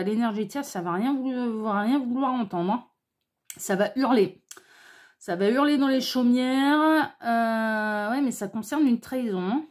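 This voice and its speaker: A woman hosting her own channel, giving a casual tarot reading to camera in a chatty style full of fillers and restarts, sometimes dropping to a quiet murmur as she draws the cards. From France. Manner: chatty, many fillers and restarts, drops to a low murmur while shuffling. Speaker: tarot reader and channel host.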